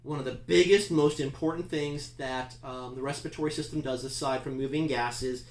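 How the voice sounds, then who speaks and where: A man's voice: medium pitch, steady tone, moderate pace, reverberant, poor audio. A man teaching a class in a conversational, emphatic lecture style, often asking his listeners questions.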